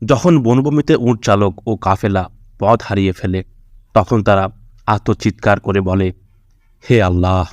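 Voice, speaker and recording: A man reading a devotional audiobook aloud in a solemn, measured way, with prayerful appeals. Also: lowish voice, no room sound. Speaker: audiobook narrator. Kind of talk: scripted religious audiobook narration.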